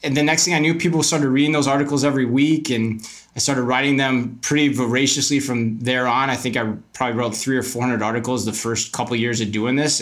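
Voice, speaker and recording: A middle-aged man with a mid-range, slightly bright voice appears as an interview guest, telling his story candidly, emphatically, and talkatively. He is a retail media co-founder and commentator.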